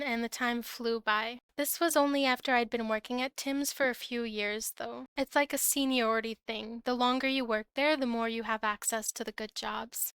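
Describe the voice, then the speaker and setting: A woman from Ontario with a Canadian accent and a fairly high, fairly bright voice tells casual storytime tales about her past food service work. She sounds conversational and lightly exasperated, and the recording is clean with no echo.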